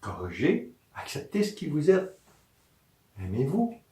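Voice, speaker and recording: This Quebec French-accented man talks a little slowly in a voice on the high side. As a massage therapist delivering an informal health talk, he's animated, restates his points, and asks questions only to answer them himself, all recorded from afar in an echoey space.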